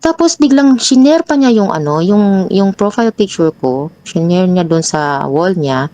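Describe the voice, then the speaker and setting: A young woman telling her own troubling story as a guest, growing animated and restarting often as she recounts arguments. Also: unhurried, dull audio. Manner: animated, pitch jumps high when retelling arguments; frequent restarts and repeated words. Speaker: guest sharing a personal story. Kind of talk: emotional personal storytelling.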